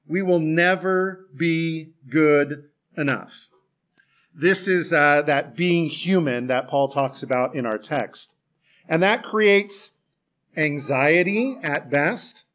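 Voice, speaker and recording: A man's voice: a little high, lo-fi sound. A man preaching a sermon in a church, talking in a conversational way and putting rhetorical questions to the congregation.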